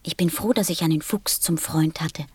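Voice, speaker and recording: A woman playing a gentle, curious and earnest little boy in a German radio play, with a husky voice and simple questioning delivery. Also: sits low, normal speed, no room sound. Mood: earnest, wistful.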